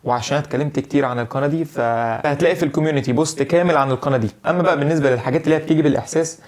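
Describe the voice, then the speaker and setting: A man's voice: a little high, very fast, a little mellow. A young man with an Egyptian Arabic accent, giving casual, direct advice in a video lesson on learning English. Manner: direct, chatty advice to the viewer.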